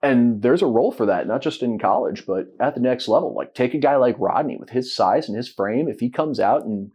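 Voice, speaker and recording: A chatty man co-hosting a sports podcast at a middle pitch. He slips in jokes and laughs easily. His delivery is informal and friendly. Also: lively intonation, a little fast, a little mellow, breathy edge. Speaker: podcast co-host. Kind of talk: casual sports chat.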